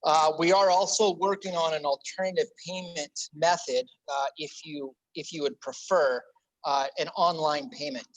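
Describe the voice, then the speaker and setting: A man with a fairly high voice gives membership notes at a club meeting. He halts often and uses lots of fillers, and the sound is dry and close. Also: steady tone, dry recording, rough recording. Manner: halting, many fillers. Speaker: membership officer.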